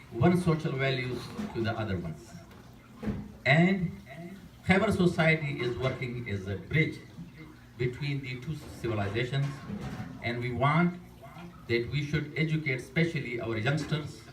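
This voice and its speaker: A man representing a community society who gives a formal welcome speech in a ceremonious, halting manner. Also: medium pitch, a little hiss or hum. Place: community event hall. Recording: echoey room, distant mic.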